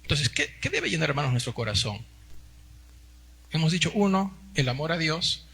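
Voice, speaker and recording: A Peruvian pastor in his forties preaches his Sunday sermon in Peruvian Spanish, regularly tagging sentences with little questions and calling the congregation brothers. He talks at a normal speed in an expressive, husky voice on the high side, fairly bright, with vocal fry.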